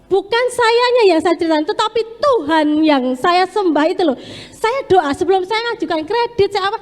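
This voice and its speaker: A woman's voice: very high-pitched, expressive, moderate pace. A woman giving an earnest, emphatic testimony in a church sermon. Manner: earnest, emphatic, slips into Javanese words. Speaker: lay preacher. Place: church hall. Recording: echoey church hall with long reverb.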